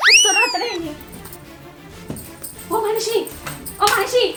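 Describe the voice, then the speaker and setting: A woman playing a sharp-tongued village wife. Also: very high voice, wildly swooping pitch, measured pace, exaggerated voice. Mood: taunting. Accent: Telangana Telugu. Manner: sharp, taunting. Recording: echoey room. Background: loud background music.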